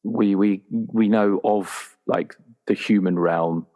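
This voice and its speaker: Speaking slowly in a fairly low, steady voice, a man talks casually about a game character as a tabletop roleplaying player. He is playful, enthusiastic, and inclined to ramble, and the sound quality is lo-fi.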